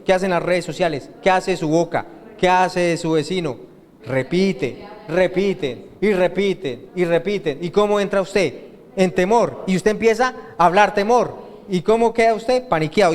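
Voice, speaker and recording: Colombian pastor preaching in a reverberant hall. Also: male voice, high-pitched. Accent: Colombian Spanish. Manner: asks the congregation questions and waits for answers; joking, lively preaching. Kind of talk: sermon. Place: church hall. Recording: reverberant church hall with faint noise.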